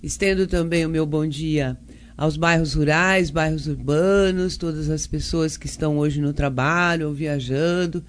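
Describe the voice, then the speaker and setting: An older woman with a Brazilian accent, a councilwoman guest on a radio interview, hoarse from a cold and chatting warmly with frequent tag questions. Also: low-pitched, a little hiss or hum.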